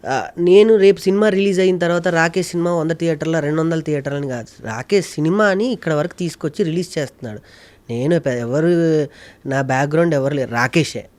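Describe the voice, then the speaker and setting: A man's voice: on the high side, a little fast, darkish tone. A man, a mimicry artist and producer, talking emotionally and repeating himself for emphasis as an interview guest. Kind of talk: casual interview chat.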